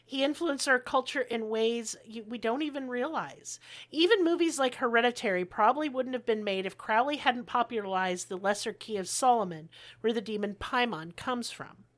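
A woman hosts a relaxed history podcast in a slightly high voice. She is blunt and sarcastic and swears often. She talks in a loose, chatty way. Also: normal speed. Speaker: podcast host. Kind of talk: casual history chat.

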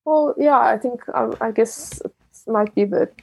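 A woman's voice: on the high side, unhurried, creaky, breathy edge, no echo. A young adult woman from Ghana, a business founder, talking reflectively in an interview with many fillers and restarts. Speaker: entrepreneur guest. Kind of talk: interview conversation.

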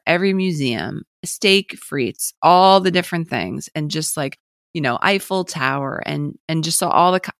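A woman co-hosting a podcast, telling travel stories in an enthusiastic, expressive casual chat. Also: low voice, no echo, studio quality. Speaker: podcast co-host.

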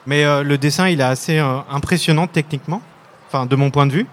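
A man's voice: a little high, quick pace. A man, a comic scriptwriter, interviewing his illustrator in a chatty, joking way. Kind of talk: casual interview.

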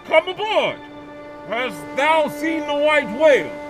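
Grim old whaling captain, very high straining pitch, commanding, obsessive, audio play with loud music behind. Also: male voice, very animated, slow, heavily acted. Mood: grim, defiant. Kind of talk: audio drama acting.

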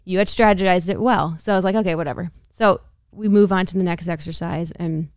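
An American woman with a slightly low voice, chatting on a podcast and telling a story with lots of energy. She acts out quoted lines and laughs easily. The sound is close and dry, with no room echo. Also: a little fast. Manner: animated, laughs often, acts out quoted dialogue. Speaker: podcast co-host. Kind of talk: casual storytelling chat.

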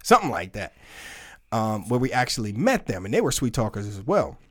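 A man's voice: fairly low pitch, big pitch swings, brisk. A man co-hosting a podcast in a loose, laid-back, chatty way, with casual swearing, talking into a podcast mic during a live stream. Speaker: podcast co-host. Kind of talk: casual chat.

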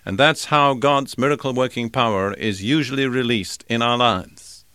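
A man preaching a sermon at a middle pitch, reading scripture slowly and then explaining it point by point. The delivery is measured and deliberate. The recording is dry and close, with no room sound. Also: sharp tone, smooth, dry recording. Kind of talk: sermon teaching.

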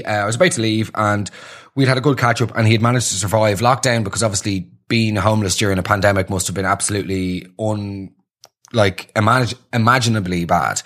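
A man hosting his podcast, telling a rambling, self-deprecating story in a casual solo talk. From Ireland. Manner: rambling, self-deprecating storytelling with sudden animated jumps in pitch. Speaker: podcast host.

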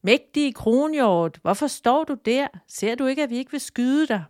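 A woman's voice: medium pitch, expressive, natural voice. A woman voicing a proud male human king who speaks emphatically. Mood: urgent. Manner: emphatic, exclaiming questions. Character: proud human king, hasty then humbled.

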